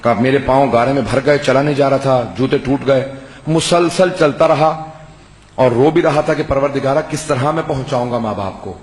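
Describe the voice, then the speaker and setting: A male religious scholar delivering a sermon, telling the story with passion and rising to shouts. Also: medium pitch. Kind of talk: Shia majlis sermon. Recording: roomy hall sound, faint background hiss.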